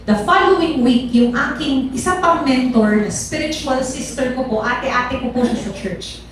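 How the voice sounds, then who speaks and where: Recorded from a distance in a big, echoey church hall with slight background noise, this testimony speaker talks to the congregation at normal speed in a high voice. She's conversational, switches between languages, and poses rhetorical questions to her listeners.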